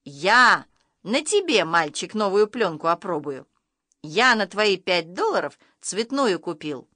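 A woman's voice: medium pitch, very animated, measured pace, bright, forceful tone, no room sound, studio quality, heavily acted. A woman voicing a sinister, cheeky camera on thin legs that speaks in a smug, cheerfully menacing way. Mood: gleeful.

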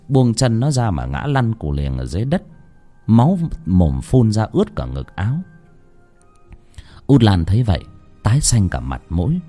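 A man's voice: lowish voice, dark tone. A man narrating a horror story with dramatic, emotive storytelling.

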